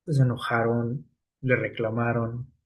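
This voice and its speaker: A man's voice: medium pitch, level tone, unhurried, muffled recording. Male preacher, talky sermon style with plenty of "este" and "¿sí?" checks. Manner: conversational, many "este" fillers and tag questions.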